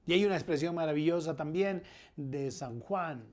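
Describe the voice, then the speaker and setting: A middle-aged man with a Colombian accent preaching a sermon as pastor, his loudness rising and falling as he presses his points. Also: fairly high pitch, moderate pace. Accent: Colombian Spanish.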